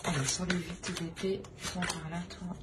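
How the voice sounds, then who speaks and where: A woman gives an improvised tarot reading, addressing the listener directly in hesitant, repetitive phrases. Her low-ish voice is fairly even and at normal speed, with clear background noise in the recording.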